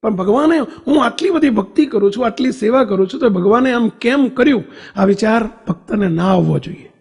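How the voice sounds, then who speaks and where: Man, preacher; high husky gravelly voice; storytelling sermon, acts out dialogue. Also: animated, a little fast, a little mellow, big-room sound. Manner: addresses listeners as devotees, asks for raised hands.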